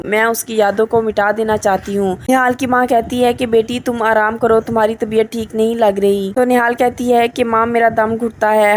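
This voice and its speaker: A woman reviewer retells a television drama episode scene by scene. Her voice sits a little high, and she carries it in a level, even line with little melody. She relays each character's dialogue in steady reported speech. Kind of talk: episode recap narration.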